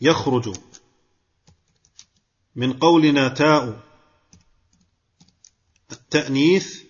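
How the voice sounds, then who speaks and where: Male grammar teacher, husky voice, step-by-step classroom explaining, muffled recording. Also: medium pitch, takes it slowly. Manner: explains step by step, quizzes and praises students.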